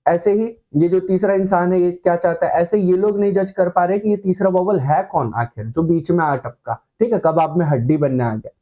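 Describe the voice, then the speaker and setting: A high-pitched man with a mellow, relaxed tone teaches a shorthand class. He explains with playful comparisons and keeps asking if everyone is following. The sound is dull and slightly lo-fi. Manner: explains with playful analogies, checks in often. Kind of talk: online classroom lesson.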